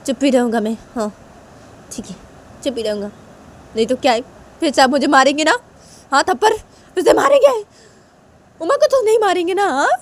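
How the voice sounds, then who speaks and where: A woman's voice: fairly high pitch, fairly even intonation, normal speed, long pauses, dark tone, lightly acted. A woman voicing a petulant young partner who complains and repeats herself in a storybook tale. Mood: self-pitying. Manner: whining, complaining, repetitive. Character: hurt young partner, petulant and self-pitying.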